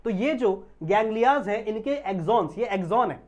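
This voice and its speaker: Man, biology teacher, online lecture, slow drawn-out terms, frequent "understood?" checks. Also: sits high, expressive. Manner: keeps asking students if they understand; drags out technical terms slowly.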